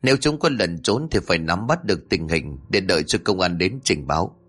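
A man voicing a calm, composed older aunt in a spoken story, giving steady instructions. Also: sits low, a little fast.

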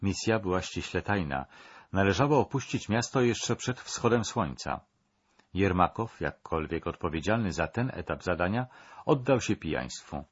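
A man narrating a scripted documentary in a measured, dramatic storytelling manner. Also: low-pitched, animated, husky, highs cut off.

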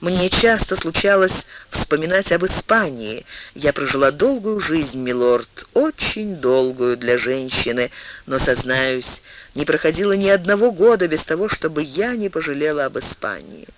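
A composed, gently stern older queen, as a male audiobook reader puts her on. She speaks softly and in a measured way, with a maternal restraint. Her pitch still moves in lively curves. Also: background noise. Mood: wistful. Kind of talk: audiobook reading.

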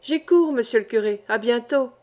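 A jovial old sailor in his sixties, sturdy and good-natured, voiced by a woman reading a storybook aloud. He speaks in raised, excited bursts. The voice is pitched fairly high. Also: moderate pace, close to an everyday voice. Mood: jubilant. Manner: excited, exclamatory, high and loud.

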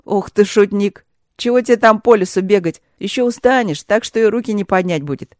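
A worried old woodcutter father, read by an audiobook narrator, fussing over his son in a fatherly, cautious way. The voice is a little louder than the narration and recorded close and dry. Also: medium pitch, a little fast, no echo, lightly acted. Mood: fussy fatherly. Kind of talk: audiobook fairy-tale reading.

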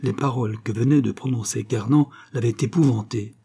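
Male narrator, audiobook, measured expressive reading, mellow, husky. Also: mid-range voice. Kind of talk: scripted narration.

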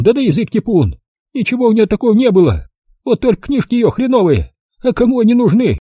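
A sharp-tongued old countrywoman, brusque and scornful, as voiced by a man reading aloud. The voice sits high and swoops widely, with a dark, husky grain. It sounds dry and close to the mic. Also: dry recording, heavily acted. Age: older. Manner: scolding, rustic, brusque. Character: feisty old village woman, sharp-tongued, bossy.

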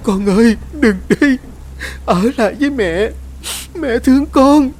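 A man's voice: on the high side, unhurried, a little mellow, pitched above the performer's own voice. A man voicing a young mother in labour, speaking in a faint, strained voice in a ghost story reading. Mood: wailing anguish.

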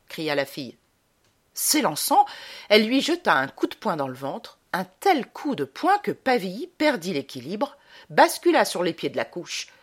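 A woman narrating a short story as an audiobook reader, with an expressive, dramatic reading. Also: mid-range voice, slightly rough.

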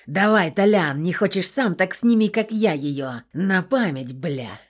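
A woman's voice: on the low side, animated, measured pace. A woman reading aloud voices a crude, swaggering male kidnapper who talks in a leering, vulgar way. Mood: mocking.

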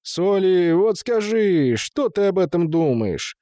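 A man's voice: on the high side, animated, moderate pace, a little mellow, no echo, clean studio sound, close to an everyday voice. A man reading an audiobook, voicing an irate middle-aged husband who scolds and blusters. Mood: angry scolding. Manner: scolding, indignant. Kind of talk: audiobook character voice.

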